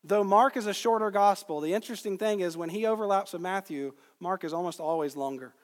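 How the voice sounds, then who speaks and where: This preacher from Georgia, USA, has a voice that sits high, and he works through an expository sermon by deliberately emphasizing key words. The congregation listens in a large room whose long reverb fills the recording.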